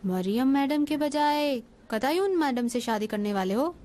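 A high, piping little boy who is cheeky and nosy, played by a woman. He is blunt and pesters without letting up. This is dubbed drama acting. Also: lively intonation, a little slow, darkish tone, slight background noise. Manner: pestering, blunt, keeps asking the same question. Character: cheeky nosy young boy, groom's brother.

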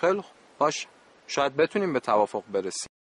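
A man's voice: mid-range voice, very animated. A man playing a good-natured adult camp supervisor in a radio play, talking in a joking, exasperated, pleading way.

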